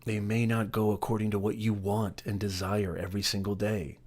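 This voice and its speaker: A man's voice: lowish voice, level tone, normal speed, a little mellow. A middle-aged man hosting a motivational live stream, talking emphatically, repeating his points and greeting viewers by name.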